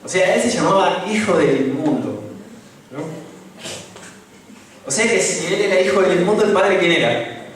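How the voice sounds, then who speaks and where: A man's voice: high-pitched, normal speed, pauses often. A young man with a Rioplatense Spanish accent giving an informal, conversational sermon, often asking the congregation questions. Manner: conversational, asks the congregation questions, many tag questions. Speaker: lay preacher. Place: church hall. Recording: echoey church recording from a distance.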